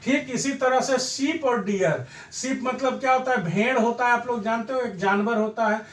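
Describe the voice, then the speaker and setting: High-voiced male teacher, echoey. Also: moderate pace, a bit bright. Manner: repetitive, drilling explanations with rhetorical questions. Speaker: English grammar teacher. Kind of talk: exam-prep grammar lesson.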